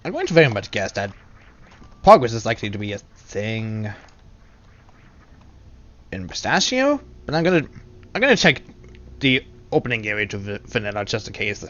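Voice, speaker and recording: A man's voice: on the low side, big pitch swings, normal speed, long pauses, fairly bright tone, highs cut off. Playful Englishman rambling over gameplay. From England. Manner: rambling, playful self-talk with giggles. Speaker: video game streamer. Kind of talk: casual live gameplay commentary.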